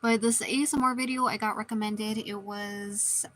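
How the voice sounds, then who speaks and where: A woman's voice: medium pitch, steady tone, normal speed, rough recording. A woman streamer chatting casually while she draws, rambling and restarting her sentences often. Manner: rambling, meandering, many restarts.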